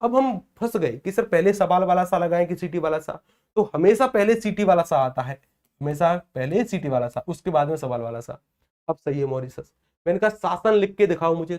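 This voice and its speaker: A man lectures his exam-prep class in a lively, playful manner. His voice sits a little high. He keeps asking a question and answering it himself. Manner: playful, acts out village celebration chants. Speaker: Hindi teacher.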